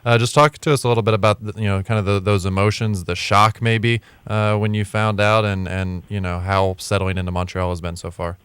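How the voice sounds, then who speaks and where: A man's voice: on the low side, level tone, brisk, hardly any pauses, a bit bright, smooth, no echo, clean studio sound. A man co-hosting a sports show, casually discussing news and questioning a guest.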